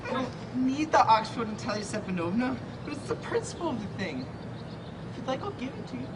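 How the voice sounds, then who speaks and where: A woman's voice: high-pitched, big pitch swings, brisk. A woman playing a touchy young landowner suitor. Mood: pleading. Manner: indignant, insistent, rising to shouts. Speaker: student actor. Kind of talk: live outdoor play reading. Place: outdoor courtyard. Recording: distant voice over loud crowd noise.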